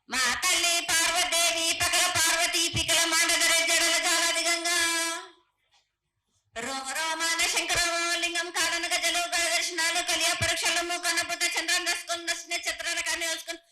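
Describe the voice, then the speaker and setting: A woman's voice: extremely high pitch, sharp tone, echoey room. A woman with a Telangana Telugu accent speaks as a festival oracle in a prophetic trance, declaiming incantatory, repetitive invocations as a goddess.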